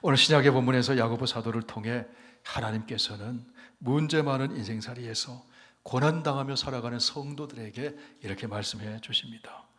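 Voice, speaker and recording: A male pastor preaching a sermon. He swings from loud, emphatic declarations to hushed, almost whispered lines, and he calls on the congregation to say amen and repeat after him. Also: mid-range voice, big-room sound. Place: church sanctuary.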